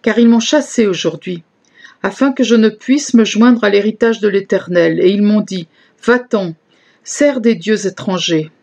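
A woman's voice: medium pitch, unhurried, a little mellow. A woman voicing an earnest young male leader in a scripture reading, solemn and pleading.

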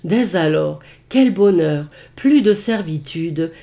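A woman giving a scripted daily devotional reading in a slow, measured, solemn manner. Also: lowish voice, expressive, dark tone. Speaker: devotional reader.

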